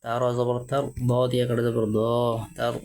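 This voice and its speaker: A man teaching Quran reading, slowly drawing out letter sounds and quizzing his listeners with short questions. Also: medium pitch, level tone, darkish tone. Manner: slow, drawn-out drilling of letter sounds. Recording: noisy background.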